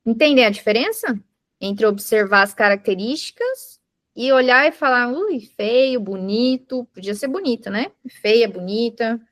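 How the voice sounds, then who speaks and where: A woman instructs a live group in mindfulness in an indoor room, explaining patiently with everyday examples and putting questions to the class. She speaks on the high side at a moderate pace, with lively intonation and a slightly bright tone. The sound is clean studio quality with no echo.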